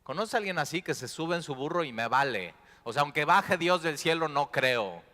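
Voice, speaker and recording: A male pastor preaching a sermon, swinging from hushed prayerful lines to loud exclamations. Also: fairly high pitch, sing-song, normal speed. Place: church sanctuary. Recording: church hall with long reverb.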